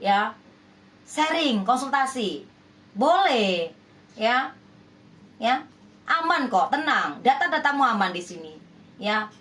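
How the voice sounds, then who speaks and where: A woman's voice: a little high, sing-song, slow, long pauses, a bit bright. A woman healer addressing her viewers in a relationship reading, emphatic and persuasive, with many rhetorical questions. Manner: scolding, persuasive. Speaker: spiritual healer giving love readings.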